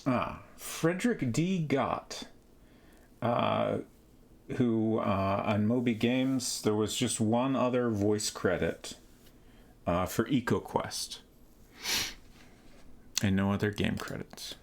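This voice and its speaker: A man's voice: fairly low pitch, expressive, takes it slowly, pauses often. A man giving casual live commentary as he streams a game.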